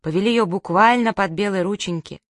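A woman narrating an audiobook in a lively, expressive storytelling manner. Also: mid-range voice, brisk, dry recording. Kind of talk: audiobook reading. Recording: dry close studio sound.

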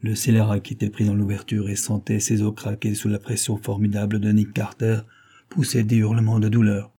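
A man narrating an adventure novel in a steady, even way as an audiobook reader. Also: fairly low pitch, brisk, breathy edge. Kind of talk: scripted narration.

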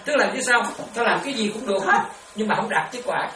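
A woman's voice: on the high side, fast, a crowd in the background. A woman giving a dharma talk as a Buddhist nun, laughing often and checking again and again that her listeners follow. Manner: lively, laughs often, keeps checking understanding with questions. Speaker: Buddhist nun teaching meditation. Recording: echoey room, distant mic, noisy.

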